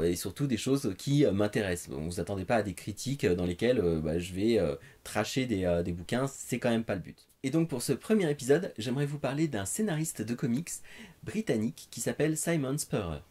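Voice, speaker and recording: In a bookshelf-filled living room, the thirtysomething host of a comics recommendation show reviews titles casually on camera, conversational and a little unsure, with a French accent. His mid-range voice is expressive, somewhat quick, darkish and a touch rough.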